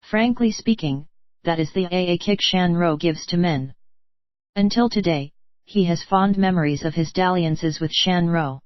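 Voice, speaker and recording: A woman's text-to-speech voice narrating a translated novel in a flat, even manner, with odd slips in the reading. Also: fairly low pitch, unhurried, no echo, lo-fi sound.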